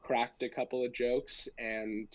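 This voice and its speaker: A man's voice: mid-range voice, little pitch movement, unhurried, dry recording, dull audio. A young American man telling a casual story as a podcast guest, with a joking, self-deprecating, slangy manner. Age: young adult. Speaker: guest, amateur stand-up comedian.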